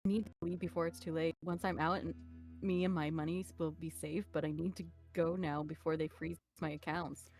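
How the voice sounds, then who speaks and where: A woman's voice: deep voice, flat delivery, a little fast, darkish tone, soft background music. A woman voicing a desperate adult who urgently pleads for help to flee the country, reading game dialogue aloud. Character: desperate adult fleeing government seizure.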